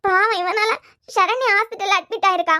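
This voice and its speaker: A woman's voice: very high-pitched, fairly even intonation, fairly quick, pushed and bright, dry recording, studio quality. A woman voicing an upset young woman in a cartoon serial, pleading her case. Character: tearful young woman, the troubled sister.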